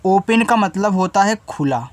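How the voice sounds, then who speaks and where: A man teaching an English spelling lesson, patiently spelling each word out letter by letter and repeating each meaning twice. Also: lively intonation. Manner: spells words out letter by letter slowly, then says the word lower and quieter.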